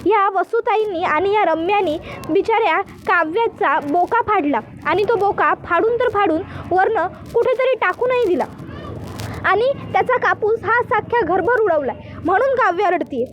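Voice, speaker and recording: A woman's voice: very high voice, animated, moderate pace, highs cut off, a little hiss or hum. A woman voicing a stern, protective mother-in-law who scolds sharply.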